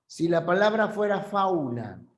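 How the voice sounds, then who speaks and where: Slow, patient male teacher. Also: high voice, big pitch swings, roomy sound. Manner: patient, repeats key terms, checks understanding. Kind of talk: classroom language lesson.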